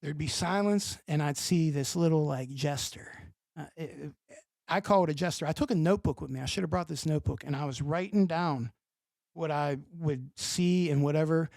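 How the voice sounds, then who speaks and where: Pittsburgh man, gravelly and dry-miked, animated profane storyteller. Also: on the high side, moderate pace, no echo. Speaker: podcast guest. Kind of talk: casual storytelling.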